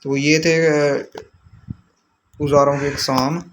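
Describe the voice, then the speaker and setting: A man's voice: on the high side, flat delivery, slow pace. A man teaching from a textbook, patiently explaining each vocabulary word and repeating its meaning. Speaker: language teacher. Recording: dull lo-fi sound with faint background noise.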